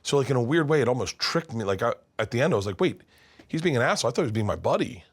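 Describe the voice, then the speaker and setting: A comedian in his fifties telling stories as an interview guest, animated and swinging between loud and hushed. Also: mid-range voice, racing, slight background noise. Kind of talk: candid storytelling in conversation. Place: his studio.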